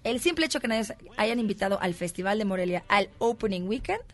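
A woman from Mexico City, an actress guest telling animated stories in a casual interview chat, with music faint behind her. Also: medium pitch. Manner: animated, laughing, quick storytelling.

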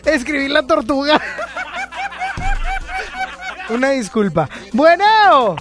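High-voiced teasing radio host. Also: female voice, big pitch swings. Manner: teasing, playful, quick to laugh. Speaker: radio host taking song requests. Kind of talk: casual call-in banter. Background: music.

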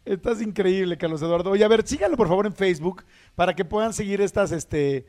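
A man's voice: high voice, brisk, darkish tone. Man hosting a casual chat. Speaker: host.

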